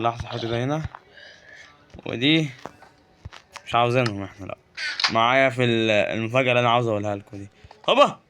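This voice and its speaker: There's a little hiss or hum behind this man's fairly bright, medium-pitched voice. A gaming YouTuber with an Egyptian Arabic accent, he offers chatty, joking Let's Play commentary and talks back to the creatures on screen.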